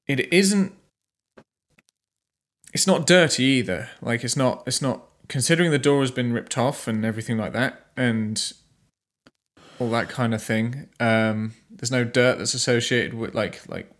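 Male game master, sharp-edged tone, unhurried improvised storytelling with halting searches for the right word. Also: mid-range voice. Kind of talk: improvised tabletop game narration.

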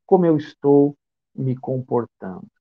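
A Brazilian spiritist speaker from São Paulo state lectures in a medium-pitched, expressive voice at a measured pace. The sound is narrow and tinny. Reflective in tone, he asks rhetorical questions, his accent Brazilian Portuguese.

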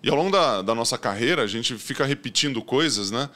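A man's voice: medium pitch, lively intonation, a little fast, bright, forceful tone. A man hosting a casual interview, asking probing questions. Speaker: host.

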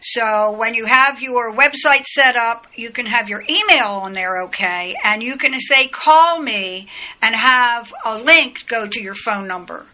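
A woman hosts a casual podcast interview, steering the talk in a practical, matter-of-fact way. Her voice sits a little high and sounds bright and clear. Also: a little slow, poor audio. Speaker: podcast host, astrologer.

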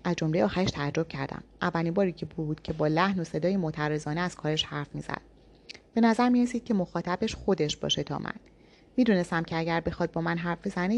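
A woman's voice: on the low side, a little mellow. Woman narrating a novel in first person. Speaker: audiobook narrator.

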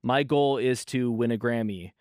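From his bedroom, a thirtysomething podcast host rambles through a solo episode, frequently correcting himself as he goes. His darkish, mid-range voice keeps a normal speed, and the recording sounds dry and clean, like a studio.

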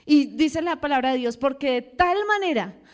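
Young woman preacher, high voice, animated sermon in a church, asks the room questions and acts out quotes. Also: moderate pace.

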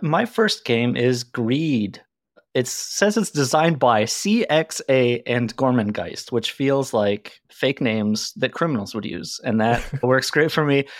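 A man's voice: medium pitch, lively intonation, slow, dry recording, clean studio sound. A man speaking as a podcast guest in casual chat, wry and self-deprecating. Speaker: podcast guest, game designer.

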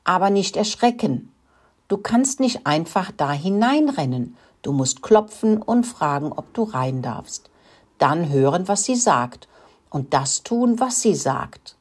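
A woman's voice: fairly low pitch, very animated, slow, slightly rough, voice pushed up, full character voice. A woman voicing a caring father mouse who patiently teaches the young ones.

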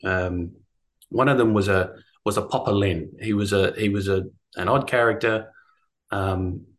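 A man's voice: fairly low pitch, measured pace. A middle-aged man with an Australian accent, telling his story reflectively in a hesitant, thoughtful way. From rural Australia. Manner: hesitant, thoughtful phrasing with repeated words. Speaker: guest, course teacher. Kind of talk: reflective personal storytelling in conversation.

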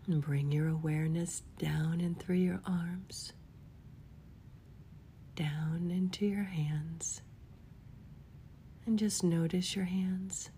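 Female meditation guide, soft spa-style whisper, mellow and flat in pitch, gentle and unhurried. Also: slight background noise. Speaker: guided relaxation leader.

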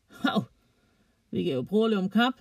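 A storyteller voicing a younger boy who is eager, boastful and quick-tempered. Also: mid-range voice, big pitch swings, gravelly, dry recording, clean studio sound, voice pushed up.

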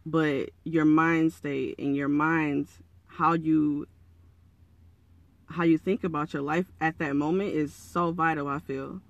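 A man with a raspy, froggy morning voice, slightly hoarse, giving a casual, earnest and encouraging monologue as a podcast host. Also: a little high, fairly even intonation, slow pace, no echo, muffled recording.

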